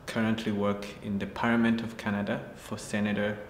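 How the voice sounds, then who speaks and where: A man in his forties from Rwanda, answering interview questions in a measured, thoughtful way. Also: lowish voice, level tone, slight background noise. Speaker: parliamentary staffer, program alumnus. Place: indoor room with shuttered window. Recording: echoey room with faint ambience.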